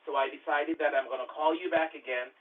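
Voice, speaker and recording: A man with English as a second language, making a fast, well-spoken scripted sales pitch over a landline phone. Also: fairly even intonation, slight background noise. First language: not English. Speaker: scam caller. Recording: tinny phone line.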